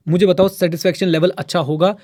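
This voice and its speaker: A man's voice: high-pitched, fairly even intonation, fast, a little mellow. A man teaching a live online mentorship session, urging students on and repeating points for emphasis. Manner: exhorting, repeats himself for emphasis; addresses students as children, asks them to reply in chat. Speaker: CA exam teacher.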